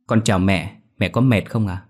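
A man's voice: low-pitched, moderate pace. A man voicing a polite, deferential young wife and mother in a ghost story, over faint music.

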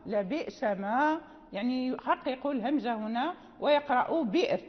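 A woman teacher explaining Quran recitation rules, repeating words slowly and chanting the quoted verses. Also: high-pitched, expressive, big-room sound, muffled recording.

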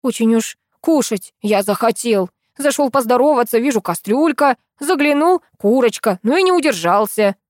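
A woman narrator voices a plump, shabby middle-aged man, meek and whiny, squeaking out excuses and mumbling about food. The reading is dry and close to the mic. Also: expressive, normal speed, hardly any pauses, no echo, natural voice. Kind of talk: audiobook dialogue reading.

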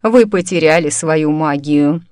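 A woman's voice: sits low, a little slow, darkish tone, clean tone, no echo. A self-assured male mentalist with a lazy, languid drawl, voiced by a female audiobook narrator. He sounds cool and completely unbothered. The recording is close and dry.

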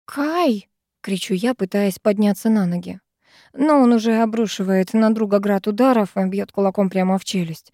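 A woman's voice: medium pitch, fairly even intonation, brisk, dark tone, dry recording, clean studio sound. A woman reading a first-person novel aloud as an audiobook, with dramatic delivery. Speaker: audiobook narrator.

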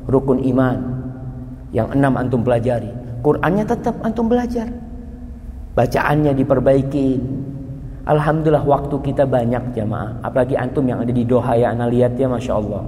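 A man preaching to a congregation, lively and full of rhetorical questions, his voice jumping high when excited. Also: fairly quick. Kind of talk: Islamic lecture to a congregation. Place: lecture hall. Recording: long hall reverb.

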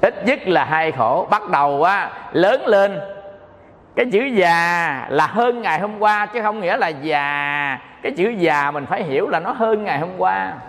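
A man's voice: high-pitched, expressive, unhurried, a bit bright. A male Buddhist monk with a Southern Vietnamese accent gives a dharma talk in a playful, joking way, often checking that listeners follow. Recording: long hall reverb.

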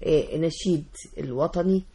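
A woman's voice: sits low, moderate pace, dark tone, breathy edge. A woman with an Egyptian Arabic accent hosting a TV talk show. She reads a formal introduction, then asks her guest questions in a conversational way.

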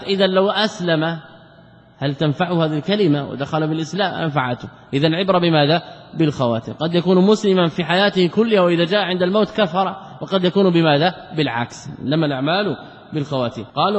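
Teaching sheikh in a reverberant hall. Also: male voice, a little high. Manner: asks rhetorical questions and answers them himself; repeats key words for emphasis. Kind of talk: classical religious lesson commentary. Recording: dull lo-fi recording with long hall reverb.

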